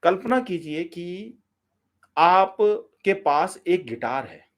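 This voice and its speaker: A man coaching public speaking in a live session, energetic and direct, giving step-by-step instructions and talking to listeners as friends. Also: high-pitched, slow.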